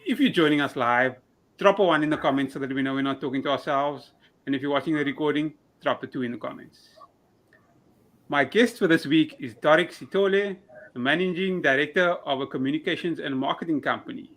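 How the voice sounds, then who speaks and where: A man's voice: fairly high pitch, fairly quick, a bit bright. A man hosting an interview podcast, giving an upbeat, scripted welcome and asking questions. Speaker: show host. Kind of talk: podcast host intro and questions.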